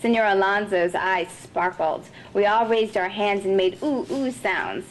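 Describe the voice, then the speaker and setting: A woman author reading her own fiction aloud at a literary festival, measured and expressive. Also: mid-range voice, a little hiss or hum, poor audio.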